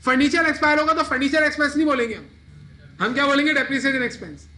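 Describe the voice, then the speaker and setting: A man's voice: extremely high pitch, rapid-fire, sharp tone. A man teaching an accounting class, asking his students questions and answering them himself. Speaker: accounting lecturer. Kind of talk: classroom lecture.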